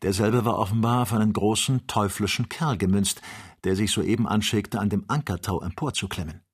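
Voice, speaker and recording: A man reading an audiobook, narrating with steady, vivid storytelling. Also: on the low side, brisk, breathy edge. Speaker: audiobook reader. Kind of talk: scripted narration.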